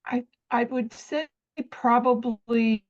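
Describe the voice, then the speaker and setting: A woman on a video call whose voice keeps breaking up and cutting out over a choppy connection. She speaks slowly and haltingly. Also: a little high, level tone. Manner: slow, halting speech. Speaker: online meetup participant. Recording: dull lo-fi video call audio.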